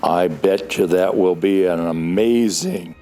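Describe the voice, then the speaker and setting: A man's voice: deep voice, slow, mellow, faint music behind. A man playing a jolly, cozy old Santa Claus fond of puns in an audio drama, with a folksy, chuckling delivery. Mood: cozy, enthusiastic.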